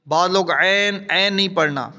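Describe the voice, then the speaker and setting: Male recitation teacher, patient and explanatory, high bright voice, long reverb. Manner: patient, explains then models each letter slowly. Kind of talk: step-by-step recitation lesson.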